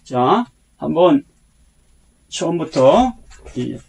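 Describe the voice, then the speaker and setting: A middle-aged man teaching English pronunciation. He says phrases slowly, repeats them, and contrasts the right way with the wrong way. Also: a little high, very animated, gravelly, a little mellow, breathy edge. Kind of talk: slow, repeated pronunciation drills.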